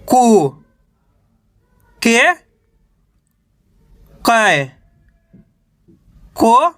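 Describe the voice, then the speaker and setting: A man's voice: high voice, bright, forceful tone, no room sound, clean studio sound. A man teaching a reading lesson, patiently sounding out syllables one by one and drawing out the vowels. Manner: patient, deliberate, drawn-out vowels.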